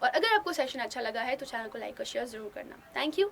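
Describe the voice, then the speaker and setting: A woman's voice: on the high side, animated, fairly quick, gravelly, fairly bright tone, slight background noise. A woman English teacher explaining a play, line by line, in simple Hindi for students. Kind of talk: bilingual classroom story explanation.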